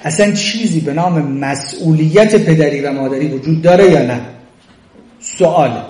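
Male lecturer, higher-pitched, animated delivery in a reverberant hall. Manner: animated, acts out quoted lines. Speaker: lecturer on parenting. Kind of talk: religious lecture. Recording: echoey room.

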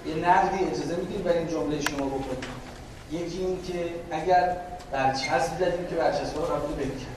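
Man lecturer, fairly high voice, slow deliberate explaining, distant mic, boomy room, background noise. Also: very echoey. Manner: acts out everyday dialogue. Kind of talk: classroom lecture.

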